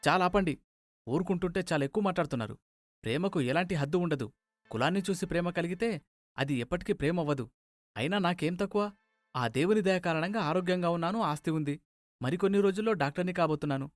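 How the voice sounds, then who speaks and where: A man's voice: high-pitched, expressive, quick pace, no echo, soft background music, pitched above the performer's own voice. A man voicing an earnest, assertive young man in a cartoon story. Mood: defiant. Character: confident young man, a medical student.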